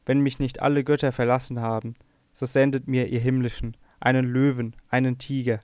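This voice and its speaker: A man voicing a despairing young princess abducted to a strange shore, lamenting and pleading a little louder than his narration. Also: mid-range voice, flat delivery, normal speed, clear, resonant tone, dry recording, studio quality, close to an everyday voice.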